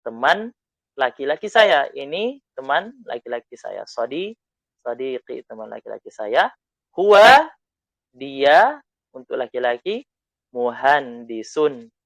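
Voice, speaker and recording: A man with an Indonesian accent teaching Arabic, reading lines slowly and loudly for students to repeat, then explaining in quick asides. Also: mid-range voice, very animated, gravelly, dry recording, dull audio. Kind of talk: online Arabic lesson, reading dialogue aloud.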